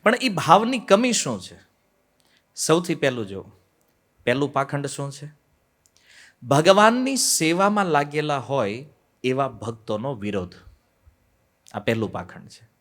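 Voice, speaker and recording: A man gives a devotional lecture on scripture, telling stories, posing rhetorical questions and acting out the quoted voices. He swings between loud emphasis and quiet asides. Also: medium pitch, very animated, unhurried, long pauses. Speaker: devotional speaker on the Bhagavad Gita.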